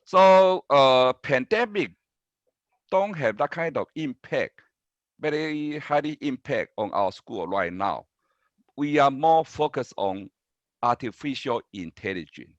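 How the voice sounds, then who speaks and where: A man with a Taiwanese accent giving panel remarks as a professor, speaking haltingly and repeating words. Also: mid-range voice, animated, no echo. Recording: dull, dry video-call audio.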